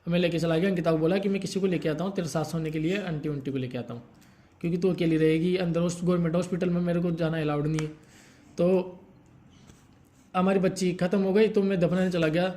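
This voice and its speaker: A young man telling a painful personal story in a halting, grief-stricken way, stopping often to soothe someone beside him. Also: high-pitched, fairly even intonation, warm tone. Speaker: vlogger telling his story.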